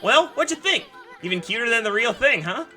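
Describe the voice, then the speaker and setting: A woman's voice: fairly high pitch, sing-song, sharp tone, pitched above the performer's own voice. Woman putting on a cocky little sprite man. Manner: cocky, brash and quick. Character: tiny boastful male wandering artist sprite.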